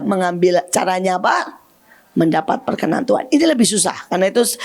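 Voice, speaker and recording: A woman evangelist preaching a sermon, shouting at its peaks and dropping to soft asides. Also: fairly high pitch.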